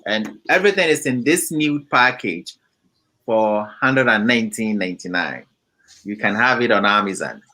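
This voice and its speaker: A man from Ghana, a company founder, explaining his product in an interview in a measured way, with many pauses and fillers. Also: fairly low pitch, lively intonation, pushed and bright, rough recording.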